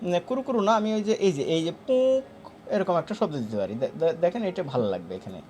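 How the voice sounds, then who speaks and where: A man's voice: high voice, big pitch swings, fast talker, darkish tone, slight background noise. A man with a Bangladeshi Bengali accent teaching an animation class live, casual and chatty, talking students through each click. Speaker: animation course instructor. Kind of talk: live online class demonstration.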